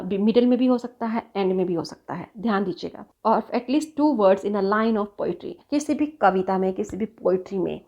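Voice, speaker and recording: A woman's voice: mid-range voice, darkish tone, muffled recording. Patient woman teacher. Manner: mixes Hindi and English, checks understanding often; reads English definitions slowly, word by word. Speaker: English teacher. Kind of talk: classroom lesson explaining grammar terms.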